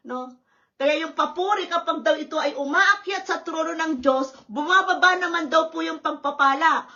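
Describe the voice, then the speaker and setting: High bright-voiced woman pastor. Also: highs cut off. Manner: lively, questioning the congregation with tag words. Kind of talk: sermon. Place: church service.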